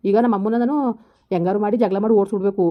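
A woman's voice: mid-range voice, steady tone, rapid-fire, natural voice. A woman playing a harried husband caught between his wife and his mother, talking in an exasperated, scolding way in a village comedy skit. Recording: slightly dull lo-fi recording.

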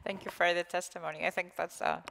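A middle-aged woman moderates a panel from a conference stage. Her voice sits low with a gravelly texture. The sound rings with long hall reverb. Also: flat delivery, fast. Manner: warm, polite thanking and linking speakers. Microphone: headset.

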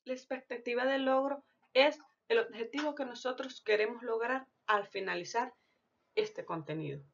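A woman teacher narrating a recorded lesson in a deliberate, explanatory way, reading out lists of example words one by one. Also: on the high side, gravelly. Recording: dull lo-fi recording.

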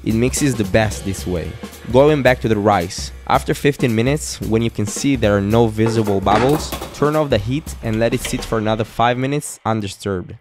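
Man calmly narrating a cooking tutorial. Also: fairly low pitch, moderate pace, few pauses. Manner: calm step-by-step instructions. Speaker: fitness cooking creator. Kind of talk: scripted cooking voice-over. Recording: voice-over over loud music. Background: background music.

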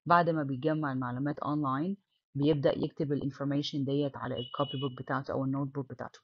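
A woman's voice: very deep voice, steady tone, quick pace, breathy edge, no echo, dull audio. A woman with an Egyptian Arabic accent teaching an English lesson, mixing English words into her Arabic explanation.

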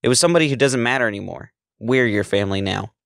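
A man's voice: mid-range voice, expressive, quick pace, vocal fry, fairly bright tone, no room sound, studio quality. A man voicing a menacing female kidnapper who talks in a soothing yet sarcastic way. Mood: sharp, sarcastic.

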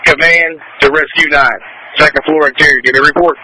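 A man's voice: on the high side, steady tone, brisk, bright, forceful tone. A man commanding a fire scene in urgent firefighter radio traffic, giving terse procedural orders over a crackly two-way radio. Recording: crackly, noisy emergency radio channel.

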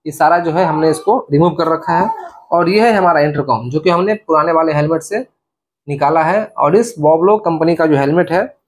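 A young adult male vlogger demonstrates installing a product, walking the camera through it step by step in a casual style from a small bedroom indoors. His voice runs on the high side, slightly rough, at a moderate pace.

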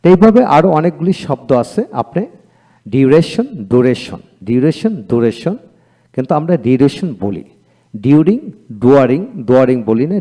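Male teacher, warm and lively in pitch, lecture delivery with fillers. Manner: reads word pairs aloud, drawn-out and repetitive. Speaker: English teacher. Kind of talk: video lecture on pronunciation.

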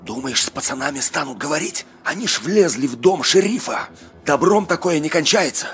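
A man's voice: fairly high pitch, lively intonation, fairly quick, fairly bright tone, soft background music. A man playing an anxious but defiant family man held hostage, in dubbed game drama style. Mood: wry, defiant.

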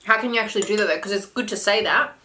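A woman in her thirties, a vlog host and health coach, talks rapid-fire in a sharp, medium-pitched voice. Seated at a table in a small indoor room, she eats while chatting casually and giving health advice. The camera is set a short way off, and the audio carries background noise and the clatter of bowls and cutlery.

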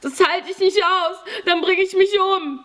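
A woman's voice: high voice, measured pace, fairly bright tone, voice pushed up. A woman voicing a frightened fifteen-year-old boy thief who whimpers and pleads, in an audiobook reading. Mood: pleading.

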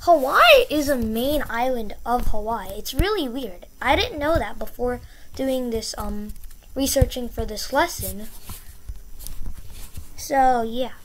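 A woman's voice: on the high side, animated, takes it slowly, background noise. A woman hosting her own educational channel, explaining a topic in a chatty, encouraging way and repeating key words for emphasis. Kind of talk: casual explainer.

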